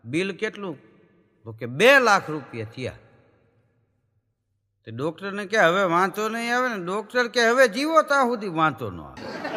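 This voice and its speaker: A man's voice: high voice, pushed and bright. A man, a folk comedian telling jokes on stage and acting out voices and animal sounds. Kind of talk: live stage joke-telling. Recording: reverberant hall recording.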